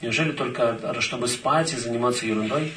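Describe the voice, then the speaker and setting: A man interpreting a talk phrase by phrase, quickly following each line. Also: medium pitch, crowd noise. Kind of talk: consecutive interpreting. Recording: echoey hall, distant mic.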